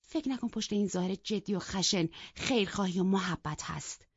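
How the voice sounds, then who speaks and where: A woman voicing a proud, sharp-tongued young woman who mocks and scolds in an audiobook. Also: mid-range voice, slightly rough, no room sound. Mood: scornful. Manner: cutting and mocking. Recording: dull, dry lo-fi recording.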